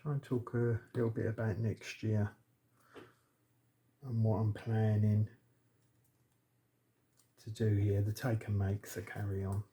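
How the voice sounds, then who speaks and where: A man's voice: on the low side, level tone, measured pace, pauses often, warm tone, a little hiss or hum. A man hosting a casual crafting tutorial, chatty and thinking aloud as he works. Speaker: crafting channel host.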